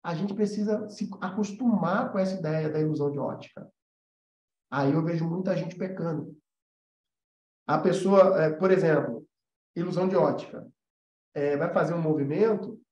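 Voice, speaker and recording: A Brazilian animation teacher hosts an informal live class, speaking conversationally and emphatically, repeating key points and checking that listeners are keeping up. His voice is a little high and slightly mellow, at a moderate pace with long pauses. The room has a roomy echo and a slightly dull sound.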